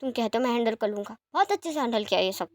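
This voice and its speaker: A woman's voice: on the high side, lively intonation, no room sound, lightly acted. A woman voicing a doting, teasing young man who speaks fondly and reassuringly, in a fan-fiction story reading. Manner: fond and reassuring, sometimes quick.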